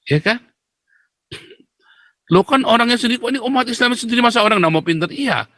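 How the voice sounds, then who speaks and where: A man's voice: on the high side, a bit bright, dry recording. A man from Indonesia speaking, hosting a live stream of blunt, mocking religious commentary, lecturing viewers.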